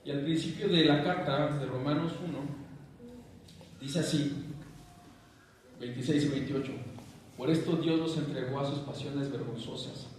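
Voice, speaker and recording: Pastor preaching in an echoey hall. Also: male voice, a little high, normal speed, long pauses, a little hiss or hum. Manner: animated preaching, calling out questions to the congregation. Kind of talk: sermon. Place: church hall. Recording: echoey hall, picked up from a distance.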